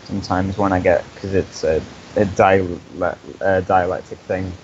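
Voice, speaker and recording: A man's voice: sits low, steady tone, normal speed, darkish tone. A young man on a live stream, talking earnestly and profanely, stammering through restarts. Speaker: co-host. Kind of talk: casual chat on a live stream. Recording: dull lo-fi mic with hiss.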